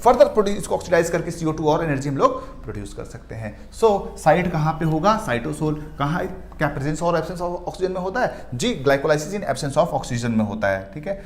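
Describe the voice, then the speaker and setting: High-voiced man teaching biology. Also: lively intonation. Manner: asks questions and answers them himself; mixes in English terms, stretches key words slowly. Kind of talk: exam-prep lecture over slides.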